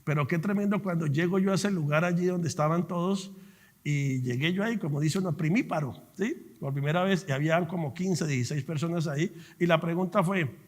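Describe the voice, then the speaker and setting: A middle-aged man preaching a sermon in church, telling his story with animated fervor. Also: fairly high pitch, brisk, long reverb tail. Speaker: pastor. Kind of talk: sermon with personal testimony.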